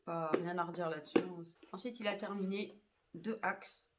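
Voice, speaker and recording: Low-voiced woman chatting about products. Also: fairly even intonation, normal speed, slight background noise. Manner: chatty, many hesitations and fillers. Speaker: beauty vlogger. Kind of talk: casual product review.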